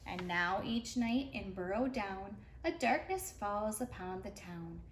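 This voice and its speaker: Using lively intonation and a measured pace, a woman with a medium-pitched voice reads a rhyming picture book aloud to preschoolers. She's a storyteller for young kids, captured in a roomy recording with faint background noise.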